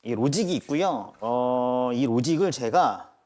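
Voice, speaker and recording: A man's voice: mid-range voice, animated, unhurried, darkish tone. A male math teacher giving a live classroom lecture, constantly checking in with his students.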